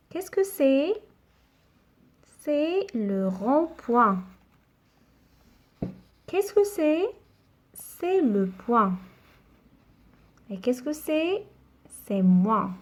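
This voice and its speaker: Slow, deliberate woman teaching reading. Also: high-pitched. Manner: slow, deliberate, spelling out sounds. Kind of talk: children's reading lesson.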